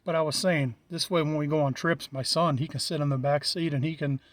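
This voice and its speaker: Here a hobbyist presenter, a middle-aged American man, runs through an informal, unscripted walkthrough at a brisk clip. His slightly high voice holds a steady tone, and his manner is straightforward and matter-of-fact.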